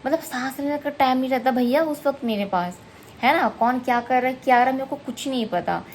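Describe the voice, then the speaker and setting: A woman's voice: sits high, fairly quick, a little hiss or hum. A woman, a single mother chatting casually in a vlog and venting about critics. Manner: chatty, venting, switches to soft talk with her child.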